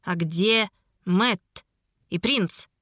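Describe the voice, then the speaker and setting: A woman voicing a calm, ironic male emissary who mocks his rivals in a mentoring tone. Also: medium pitch, moderate pace, dry recording, clean studio sound, lightly acted. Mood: tense. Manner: mocking, mentoring tone. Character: ironic, cool-headed male emissary of darkness.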